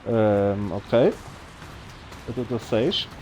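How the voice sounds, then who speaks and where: A man's voice: fairly low pitch, takes it slowly, crowd noise. A man with a Bernese Swiss German accent, giving casual commentary as he plays a game. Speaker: let's play host. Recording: clear noise behind the voice. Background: video game noise.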